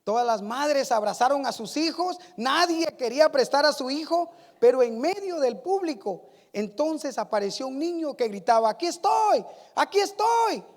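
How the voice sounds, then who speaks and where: A woman preaching a sermon, telling a story slowly and building to fervent praise. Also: high-pitched, animated. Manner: slow storytelling, rising to fervent shouted praise. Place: church sanctuary. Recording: reverberant church hall.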